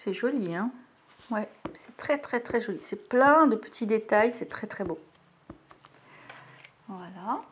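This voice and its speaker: A woman's voice: medium pitch, animated, unhurried, long pauses, fairly bright tone, slight background noise. A woman vlogger chatting casually while showing craft stamps at her home table, rambling with self-mocking asides. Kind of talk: casual product haul and demo.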